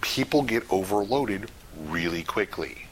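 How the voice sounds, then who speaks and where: A man with a low, bright, forceful voice leads a casual spoken class. He talks in a chatty way and laughs often. He acts out small scenes as he explains. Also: animated, measured pace, slight background noise. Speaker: class instructor.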